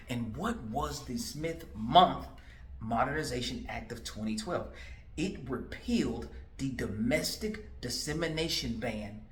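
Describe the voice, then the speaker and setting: A medium-pitched man in his forties, a candidate for office, delivers political commentary directly to the camera. He's emphatic and repetitive and keeps asking rhetorical questions, with slight background noise and a roomy echo in the recording.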